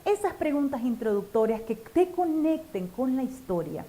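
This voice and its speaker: A woman teaching church teachers how to tell children's stories, talking to the listener directly and with expressive tone. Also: sits high, normal speed. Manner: warm, expressive, addresses listener directly as friend. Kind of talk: instructional talk.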